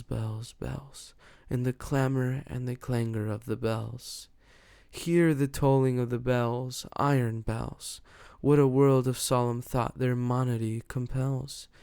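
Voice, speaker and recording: A man giving a slow, measured, rhythmic dramatic reading of poetry as an audiobook narrator. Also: medium pitch, mellow, smooth, no room sound, clean studio sound. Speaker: audiobook reader.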